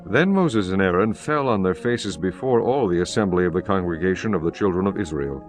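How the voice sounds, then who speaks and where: A man narrating scripture from a script in a solemn, measured manner. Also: low voice, animated, soft background music.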